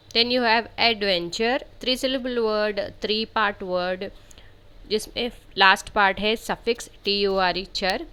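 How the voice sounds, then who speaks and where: Indian woman teacher, unhurried spelling lesson, smooth clear voice. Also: mid-range voice, fairly bright tone. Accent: Indian English. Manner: explains step by step, slow and deliberate on each spelled word. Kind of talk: spelling lesson, mixing Hindi and English.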